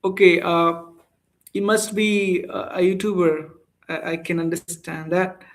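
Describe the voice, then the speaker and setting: A man's voice: sits high, level tone, unhurried, vocal fry. A young man from India with an Indian English accent, chatting casually with viewers as an English-speaking coach on a live stream and reading their comments aloud.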